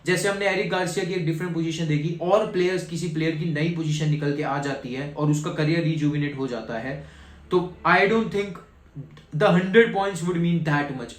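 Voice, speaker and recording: A man casually talking football to viewers in a reaction vlog, lively and chatty, mixing in English and calling his audience brother. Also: sits high, roomy sound. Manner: animated, mixes English into his talk, addresses viewers as brother. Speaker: football fan vlogger.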